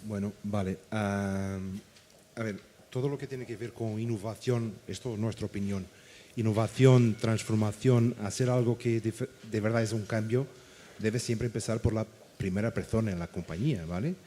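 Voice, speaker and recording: On a conference stage, a Portuguese man with a Portuguese accent speaks emphatically as a panelist, repeatedly checking in with listeners by adding "¿vale?". His voice is lowish and warm, with fairly even intonation and a moderate pace. There is slight background noise.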